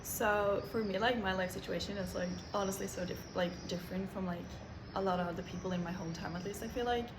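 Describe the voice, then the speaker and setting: A woman's voice: medium pitch, fairly even intonation, fast talker. A woman in her twenties from Norway, chatting casually and bubbly to camera with lots of fillers. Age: 20s. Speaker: vlogger. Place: holiday lodging. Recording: noisy background.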